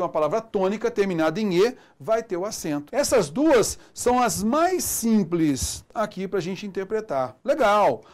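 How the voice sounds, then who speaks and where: A man with a Brazilian Portuguese accent teaching a grammar lesson in a casual, explanatory way. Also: sits high. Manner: casual, explanatory, asks himself questions.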